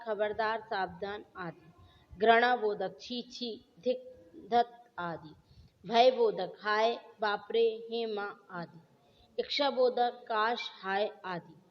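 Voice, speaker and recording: Hindi teacher woman, echoey dull recording. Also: on the high side. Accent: Indian. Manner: explains patiently, calls students "beta", Hindi with some English words. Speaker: school teacher. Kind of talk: recorded grammar lesson for students. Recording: dull lo-fi recording with long reverb.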